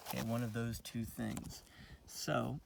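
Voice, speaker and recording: A man's voice: medium pitch, level tone, a little slow, vocal fry, recorded from a distance, noisy background. A man giving a casual outdoor nature lesson for kids on his lawn, friendly and rambling with lots of fillers. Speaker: outdoor education teacher.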